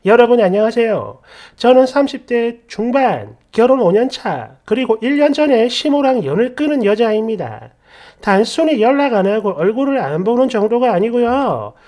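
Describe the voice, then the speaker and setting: A woman narrates a first-person story in an expressive, chatty way. Her voice sits a little high and swings freely in pitch. She sounds like she is confiding in listeners. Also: normal speed.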